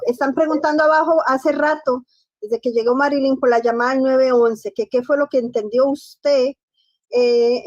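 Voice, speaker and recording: A woman moderating a live audio chat, briskly passing on listeners' questions. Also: sits high, a little mellow, dry recording. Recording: dull lo-fi audio.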